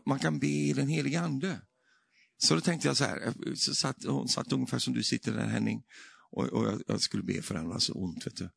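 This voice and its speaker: A man's voice: medium pitch, vocal fry, husky, no room sound. A man preaching a sermon testimony, telling his story with frequent tag questions and building to fervent, emphatic preaching.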